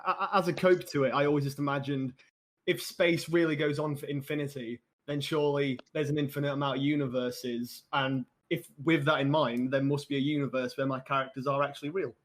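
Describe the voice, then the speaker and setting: A man's voice: medium pitch, steady tone, a little fast. Playful man chatting as podcast guest. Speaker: podcast guest, video creator. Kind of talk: casual chat.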